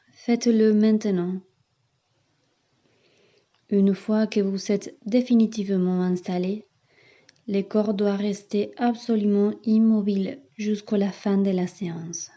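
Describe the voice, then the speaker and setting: A female yoga teacher with a mellow, medium-pitched voice leads a guided meditation. She offers soothing, measured directions with long pauses, and the sound is slightly muffled.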